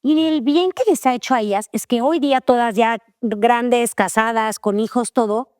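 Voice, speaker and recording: A woman's voice: a little high, normal speed, a little mellow, no echo, studio quality. A woman co-hosting a faith-based parenting podcast, chatting casually and telling family stories. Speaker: podcast co-host.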